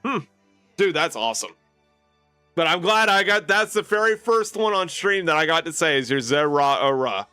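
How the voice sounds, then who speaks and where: A man live streaming, chatting with viewers in a bright, forceful voice that sits a little high. He rambles with fillers and restarts. The sound is close and dry, with faint music behind him. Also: expressive, moderate pace, clear, resonant tone, no echo. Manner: rambling and warm-hearted, lots of fillers and restarts. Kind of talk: casual chat with viewers.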